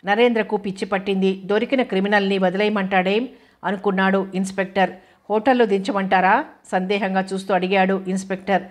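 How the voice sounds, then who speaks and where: Woman narrating a novel in a flat voice. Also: medium pitch. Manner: steady, even reading. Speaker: audiobook narrator.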